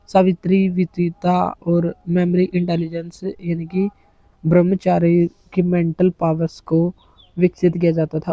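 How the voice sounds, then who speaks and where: Male teacher, slightly high voice, lecture delivery, dry muffled recording. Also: no echo. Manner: explains in Hindi mixed with English terms, lists items one by one. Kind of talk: exam-prep lecture.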